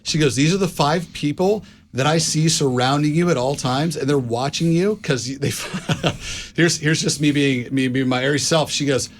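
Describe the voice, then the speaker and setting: A man's voice: fairly high pitch, moderate pace. A man co-hosting a casual talk show, telling a story in a rambling way, full of fillers and restarts. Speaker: co-host.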